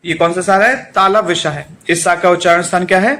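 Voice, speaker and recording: A male teacher giving an exam-prep lesson, chanting memory formulas slowly and repeating each line while telling students what to do. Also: high-pitched, fairly even intonation, sharp tone. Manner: addresses students directly with instructions.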